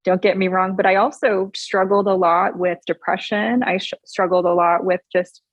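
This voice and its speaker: A woman in her forties from Hawaii speaks as a guest on a podcast. She tells her story in an earnest, upbeat manner and laughs often. Her voice sits at a middling pitch, and the recording is dry and close. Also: flat delivery, normal speed, no room sound, lo-fi sound. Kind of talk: casual interview chat.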